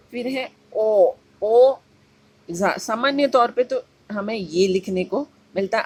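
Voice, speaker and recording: Woman, teacher, slow and deliberate, drawn-out emphatic vowels, slightly husky tone. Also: mid-range voice. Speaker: English teacher. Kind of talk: slow classroom-style phonetics lesson.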